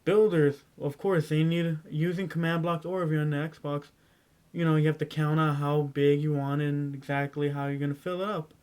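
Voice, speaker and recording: A teenage boy rambling through casual school advice in a vlog, clearing his throat often and stumbling over his words. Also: a little high, fairly even intonation, normal speed, a little mellow. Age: teens. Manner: rambling, stumbling, self-interrupting. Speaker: vlogger.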